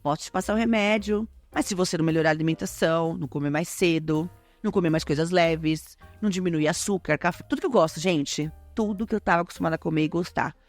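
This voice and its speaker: A woman with a Brazilian Portuguese accent hosting a podcast, talking casually and lively to her listeners. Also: lowish voice, quick pace, soft background music. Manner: chatty, lively, addresses listeners as gente. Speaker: podcast host.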